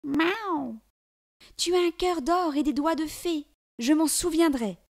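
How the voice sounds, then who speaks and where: A small grateful cat with a high, bright, eager voice, pitched well above the reader's own, as a woman puts him on. A storybook animal, lively and quick to help. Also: close to an everyday voice.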